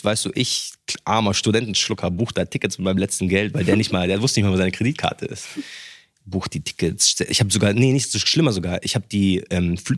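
A young man co-hosting a podcast, telling a personal story in casual chat with slang and quick restarts. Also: fairly low pitch, dry recording, clean studio sound. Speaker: podcast co-host.

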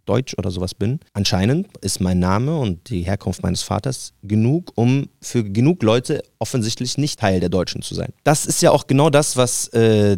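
A man's voice: lowish voice, vocal fry, no echo, studio quality. A man from Germany, co-hosting a podcast, telling stories in casual chat and acting out the people he quotes. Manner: animated storytelling, acts out the people he quotes.

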